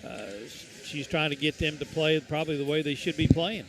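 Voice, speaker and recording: A man giving casual color commentary on a high school basketball game, rambling and folksy with many fillers and restarts. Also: steady tone, brisk, a bit bright, a little hiss or hum.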